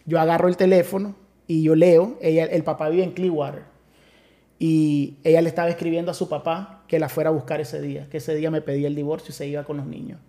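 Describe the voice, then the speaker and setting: A pastor, telling an emotional personal testimony with many restarts and acted-out quotes. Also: male voice, on the high side, flat delivery, fast talker, dark tone. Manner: storytelling with many restarts, acts out quoted voices. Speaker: pastor, podcast guest.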